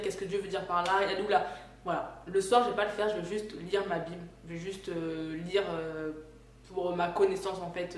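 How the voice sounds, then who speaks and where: Chatty young woman in an echoey room. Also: medium pitch. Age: 20s. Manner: chatty, self-correcting, with fillers. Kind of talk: casual chat to camera. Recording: echoey room with faint background noise.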